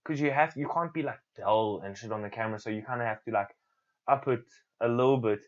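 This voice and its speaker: A young man chats as a podcast guest, relaxed and rambling, stringing thoughts together with lots of "like" and "dude". His voice sits at an ordinary middle pitch for a man. The recording is dull and lo-fi. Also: a little fast. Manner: laid-back and rambling, heavy on "dude" and "like". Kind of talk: casual chat. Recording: dull lo-fi sound.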